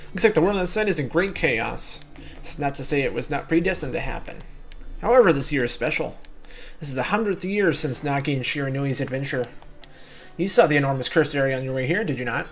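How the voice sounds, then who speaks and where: A man's voice: medium pitch, lively intonation, fairly quick, lightly acted. A man voicing a mysterious female fortune teller from a video game, reading her cryptic lines in a theatrical, portentous way. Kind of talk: dramatic read-aloud of game dialogue.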